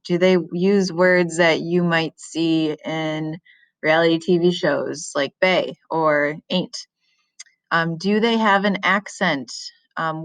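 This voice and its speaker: A woman's voice: low-pitched, no room sound. A woman teacher giving a recorded writing lesson, explaining casually with frequent ums.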